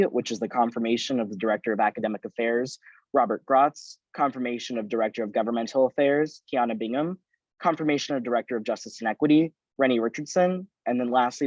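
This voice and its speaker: A man chairing a formal student meeting over a video call, making measured procedural announcements. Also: medium pitch, darkish tone, no room sound. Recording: dull lo-fi video call audio.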